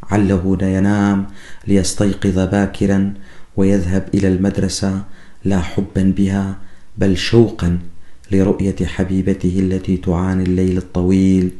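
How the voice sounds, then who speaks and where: Low-voiced man narrating a novel. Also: monotone, dark tone. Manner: measured storytelling. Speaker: author reading his own novel. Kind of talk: audiobook narration. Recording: echoey room.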